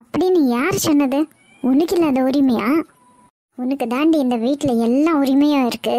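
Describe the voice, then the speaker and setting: A woman voicing a bossy, scheming middle-aged mother-in-law in an animated cartoon, scolding sharply and scornfully. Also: high-pitched, normal speed, no echo.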